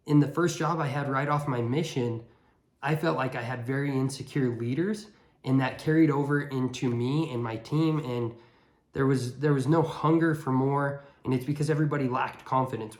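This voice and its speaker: A man giving a casual, earnest motivational monologue, speaking bluntly and repeating words for emphasis. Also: mid-range voice. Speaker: motivational vlogger. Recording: echoey room.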